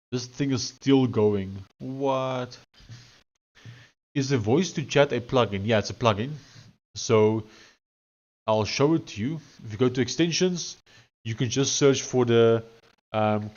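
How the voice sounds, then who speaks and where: Male live streamer, broad Afrikaans South African accent, mid-pitched, casual chat and dictation, slightly lo-fi audio. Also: measured pace, darkish tone. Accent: thick Afrikaans South African. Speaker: live streamer coding on screen.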